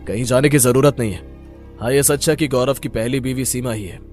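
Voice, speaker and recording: A man voicing an arrogant, wealthy older businessman in an animated story, speaking brusquely and dismissively. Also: mid-range voice, brisk, soft background music, natural voice. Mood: blunt.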